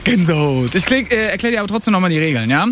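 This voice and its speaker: A male radio host running an on-air quiz game with a caller, energetic and slangy, dropping in English words. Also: high voice, very fast, a little hiss or hum. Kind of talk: upbeat radio game show hosting.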